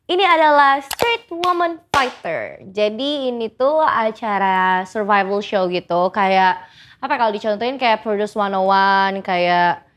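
A woman's voice: mid-range voice, animated, measured pace, a bit bright, a little hiss or hum. A woman in her twenties, a guest singer, talking enthusiastically about a TV show and slipping in English phrases. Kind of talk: casual chat reviewing K-dramas.

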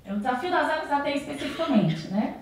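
A Brazilian woman in her thirties gives a conference talk on an auditorium stage before an audience, using a handheld mic. Her voice sits high with lively intonation, and she talks fast, often adding tag questions and restarting sentences. The hall is very echoey and she sounds far off.

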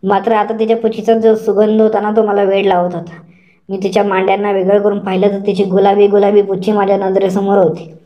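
A woman narrating an adult story in the first person, slow and repetitive, saying words over and over. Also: medium pitch, mellow, highs cut off.

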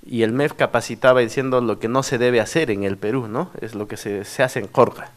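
Guy, middle-aged, ex mayor telling stories at a workshop, normal pitch, keeps adding tag questions. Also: a little fast. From Peru, Cusco region. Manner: animated storyteller with frequent tag questions. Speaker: former district mayor giving a workshop talk. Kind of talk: anecdotal conference talk.

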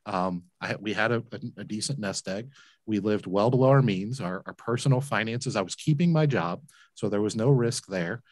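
A man's voice: fairly low pitch, normal speed, dry recording. A man in his forties, a business owner telling his story as a guest on a video call interview, earnest and emphatic, repeating words when moved. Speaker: guest, laundromat entrepreneur. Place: home room, indoors. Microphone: large desk mic with headphones, video call.

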